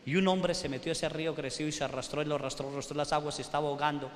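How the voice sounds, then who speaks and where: Male priest, sermon storyteller, high voice, echoey hall with a long tail. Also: fairly even intonation, racing. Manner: storytelling, keeps checking in with the audience. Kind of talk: sermon at a retreat. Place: large hall at a retreat. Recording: echoey hall, faint noise.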